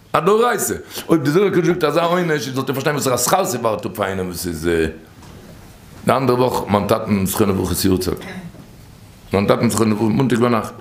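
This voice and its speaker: A man telling stories from religious teachings in an informal, animated way, his voice leaping high and then dropping low. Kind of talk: informal storytelling talk. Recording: echoey room.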